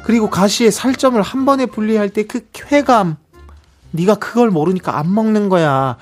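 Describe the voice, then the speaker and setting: A man's voice: high voice, normal speed, faint music behind. A man voicing a bossy, pushy middle-aged older sister in a radio comedy skit, ordering her sibling around in a brusque way.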